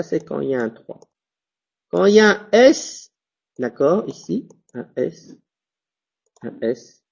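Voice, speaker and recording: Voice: mid-range voice, vocal fry, darkish tone, husky. A French teacher giving a pronunciation lesson who spells out letters, repeats example words and keeps asking if the class follows. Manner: spells out letters and checks understanding often; repeats example words slowly, self-corrects. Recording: dull lo-fi recording.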